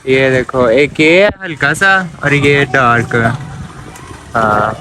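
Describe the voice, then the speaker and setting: On a rooftop in wind and rain, a man vlogs casually, chatting playfully with viewers he calls "guys." His mid-range voice is expressive and slow-paced. The phone mic picks up loud wind and rain noise.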